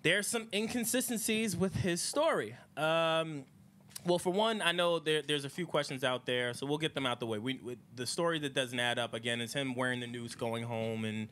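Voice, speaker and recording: A man's voice: a little high, normal speed, fairly bright tone. A man hosting a casual group podcast, talking loosely with slang, fillers and frequent laughter. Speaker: podcast host.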